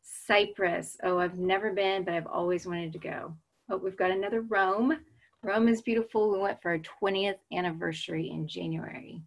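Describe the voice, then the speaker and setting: Waiting for her webinar to begin, an American presenter in her forties chats informally and reads audience responses aloud through her video call webcam. She speaks at a moderate pace in a medium pitch with fairly even intonation.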